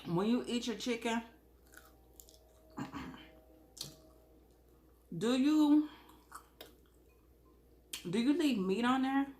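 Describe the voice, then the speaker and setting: A woman chats casually to her viewers as a mukbang vlogger, eating crunchy fried chicken and drinking as she talks, in a folksy, expressive way with savoring hums. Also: a little high, extremely slow, long pauses. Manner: folksy, expressive, chuckles often.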